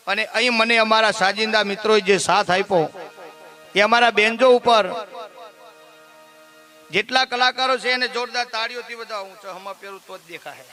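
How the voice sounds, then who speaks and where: A middle-aged man performing live on stage, chanting devotional lines in a high sung voice and joking with the crowd. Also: pushed and bright. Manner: chanting prayers in a high sung voice, then chatty joking asides to the audience. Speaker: folk stage performer at a dayro. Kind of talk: live stage folk comedy and devotional singing. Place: live stage before a seated audience.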